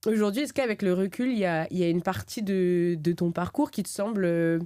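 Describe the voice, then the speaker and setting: A woman's voice: on the low side, brisk, warm tone, no room sound, studio quality. A woman interviewing a guest in a casual style, listening attentively and giving frequent short acknowledgements.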